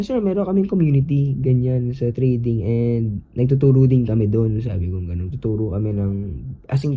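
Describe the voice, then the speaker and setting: Telling a story in loose Taglish, a young Filipino man hosts a podcast in a medium-pitched voice. He's animated and leans heavily on fillers. The audio quality is rough.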